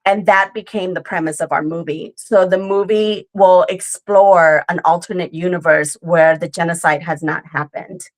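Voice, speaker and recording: An earnest woman in her forties tells a personal story as an interview guest. Her voice sits a little low. She talks it through casually and keeps checking in with the listener. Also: steady tone, normal speed, few pauses. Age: 40s. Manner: earnest storytelling with frequent "right?" and "like". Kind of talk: conversational interview.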